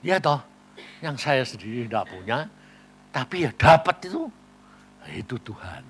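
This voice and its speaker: A man preaching a sermon, telling stories and acting out conversations, swinging from quiet asides to loud emphasis. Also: medium pitch, big pitch swings, unhurried, breathy edge. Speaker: pastor.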